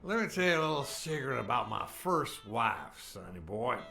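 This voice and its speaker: Rowdy old Texan with a gravelly drawl. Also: male voice, medium pitch, big pitch swings, moderate pace, faint music behind, full character voice. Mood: boastful. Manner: loud drawl, cussing, laughs a lot. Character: boisterous older Texan man, crude and jovial. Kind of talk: video game voice acting.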